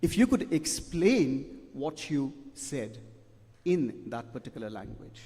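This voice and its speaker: Speaking slowly in a warm, sing-song, medium-pitched voice, a middle-aged man delivers feedback to students as a debate judge. He is emphatic and repeats himself, tagging "okay?" onto the end of his points, with long hall reverb around him.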